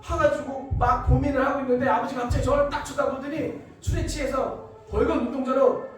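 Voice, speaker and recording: A man's voice: very high voice, fairly even intonation, a little fast. A man giving an emotional testimony in church, telling his story dramatically and acting out the voices in it. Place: church hall. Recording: echoey room, far from mic.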